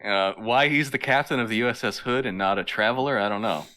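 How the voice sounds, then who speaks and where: A man co-hosting a podcast, with a bright, forward tone. He talks in easy, casual chat, hesitating often and laughing easily. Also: mid-range voice, fast talker. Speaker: podcast co-host.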